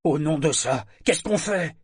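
A man voicing a loyal, rough pirate first mate in an audiobook. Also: a little high, animated, unhurried, no room sound, clean studio sound, voice pushed up. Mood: earnest. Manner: shouts orders loudly.

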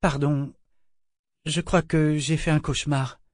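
A man's voice: fairly high pitch, fairly even intonation, unhurried, no room sound, clean studio sound, voice pushed up, natural voice. A man voicing a tired, stubborn young woman ship captain in an audiobook, speaking in an earnest, tense way.

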